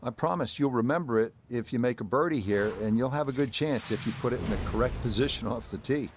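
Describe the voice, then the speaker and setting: A man's voice: mid-range voice, quick pace, close to an everyday voice. A man playing a composed golf commentator in a video game, calling play-by-play with polished broadcast delivery. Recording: outdoor course ambience and crowd noise. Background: outdoor crowd ambience.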